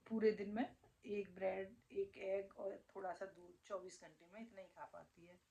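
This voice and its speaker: A woman's voice: mid-range voice, level tone, normal speed, creaky, warm tone, poor audio. A middle-aged woman vlogging casually at home, emotional and doting as she talks about her pet dog. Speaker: family vlogger. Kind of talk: casual home vlog talking to viewers. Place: at home indoors.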